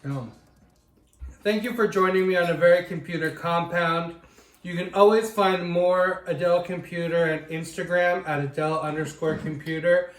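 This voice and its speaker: A woman hosting a parody cooking and craft show, explaining each step with gushing, playful over-excitement. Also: lowish voice, moderate pace, poor audio. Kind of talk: mock-earnest cooking and craft demo.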